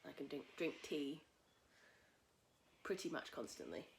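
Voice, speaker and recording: Husky woman, low-voiced and chatty. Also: big pitch swings, measured pace, slight background noise. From England. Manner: chatty and rambling, with many fillers. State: husky from a cold. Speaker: podcast host. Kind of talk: casual knitting podcast chat. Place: at home in a tiny house. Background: cockatoos calling outside.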